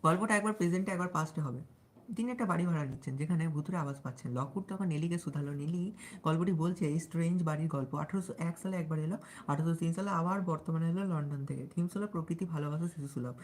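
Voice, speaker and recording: A young man with a Bangal-tinged Bengali accent, talking in a deliberately soft, sweet way as he chats with viewers on a live stream and reads his study notes aloud. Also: on the high side, rough recording. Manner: chatty, often asks listeners if they follow. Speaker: livestreamer studying for exams.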